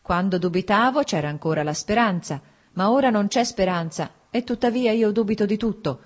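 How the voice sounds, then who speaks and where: A woman's voice: mid-range voice, animated, brisk, voice pushed up, close to an everyday voice. A woman reading the part of a cold, formal husband in an audiobook, speaking in a restrained, clipped way. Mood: bitter. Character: cold, stiff, wounded older husband.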